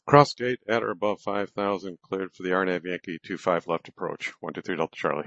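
A private pilot radios air traffic control through a cockpit headset, giving clipped procedural readbacks. His low, steady, slightly bright voice comes a little fast with no echo, carried over a dull lo-fi radio transmission.

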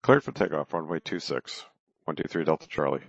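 Deep-voiced pilot on a cockpit headset radio. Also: male voice, lively intonation, a little fast, gravelly, slightly rough, no room sound. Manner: clipped, methodical, with small hesitations. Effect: pilot transmitting over a cockpit headset radio. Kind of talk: aviation radio calls and readbacks. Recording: dull, dry radio transmission.

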